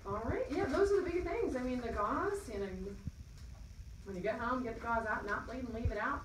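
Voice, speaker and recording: A woman's voice: fairly high pitch, expressive, fairly quick. A woman working as a dental assistant, casually giving aftercare instructions to a patient and family. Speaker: dental surgery nurse or assistant. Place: small dental clinic room. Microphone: phone camera across the room. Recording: echoey, distant phone, loud room noise.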